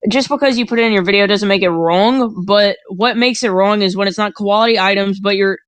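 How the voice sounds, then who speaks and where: A man's voice: high voice, brisk, a bit bright, clear, resonant tone, dry recording. A young man co-hosting a casual podcast chat, rambling and hedging as he trails off. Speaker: podcast co-host.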